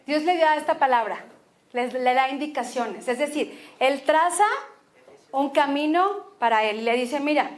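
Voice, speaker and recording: A Mexican woman pastor preaches with a high, bright voice. She is expressive and drives her points home by repeating her phrases. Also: measured pace. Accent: Mexican Spanish. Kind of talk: sermon.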